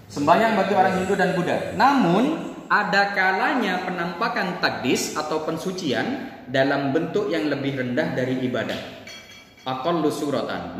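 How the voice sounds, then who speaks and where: A man teaching a class in a conversational way, often asking the students questions. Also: medium pitch. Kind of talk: classroom lesson. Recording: echoey room from far off.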